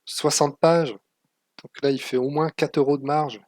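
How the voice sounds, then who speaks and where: A man's voice: on the high side, steady tone, normal speed, darkish tone, no room sound, clean studio sound. A man hosting his channel, narrating a screen-share tutorial with many hesitations and a cautionary tone. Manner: hesitant, many fillers, warning tone. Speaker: channel host.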